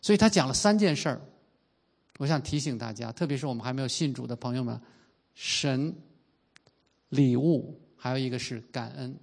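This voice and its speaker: A man in his fifties preaching a sermon in an earnest way, slowing down and stretching out the key phrases. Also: mid-range voice, gravelly, darkish tone. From China. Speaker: pastor.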